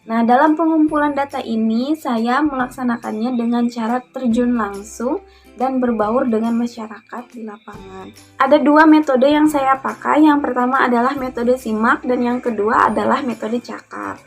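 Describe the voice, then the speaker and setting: A young woman, a university student, giving a measured academic presentation of her research, often starting sentences with "nah". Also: on the high side, faint music behind. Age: young adult. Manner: measured, explanatory, with fillers like "nah" and "gitu".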